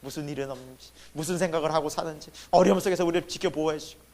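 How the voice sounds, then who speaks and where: Preaching rapid-fire in a fairly high voice, a pastor in a church sanctuary poses questions to his congregation and answers them himself. He lurches between loud emphasis and sudden hushed moments.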